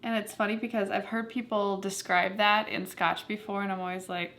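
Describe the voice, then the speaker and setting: A woman's voice: medium pitch, little pitch movement, moderate pace, creaky, a bit bright. Woman, mid-range voice, playful whiskey-tasting co-host, talkative. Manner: chatty, playful, describes aromas. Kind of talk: casual tasting chat.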